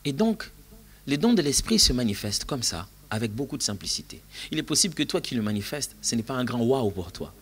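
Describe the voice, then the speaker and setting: A man preaching a sermon at a church retreat, telling a personal story and shifting between hushed and loud passages. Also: medium pitch, sing-song, fairly quick, husky.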